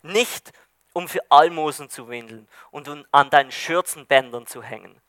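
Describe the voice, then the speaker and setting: Guy reading as a bitter proud ghost, high bright voice, scornful, dry close sound. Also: normal speed, no room sound, natural voice. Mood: defiant. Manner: indignant, scornful. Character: bitter proud dead man, self-righteous.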